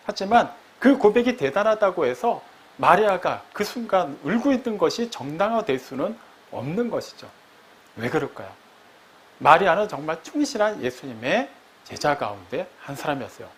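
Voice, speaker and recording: A man preaching a sermon as pastor. He explains step by step, asks his listeners questions, and acts out quoted lines. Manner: acts out quoted lines with sharp rises and drops in pitch.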